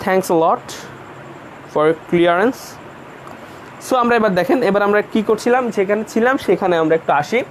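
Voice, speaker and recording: A man's voice: high-pitched, a little hiss or hum. A man teaching an English grammar class in Bengali, explaining patiently and going over each point again. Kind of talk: online class lecture.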